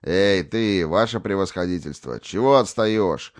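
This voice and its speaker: A man voicing a coarse armed guard shouting orders, in an audiobook. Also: deep voice, expressive, a little slow, dry recording. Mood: menacing. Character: rough male armed guard, brutal.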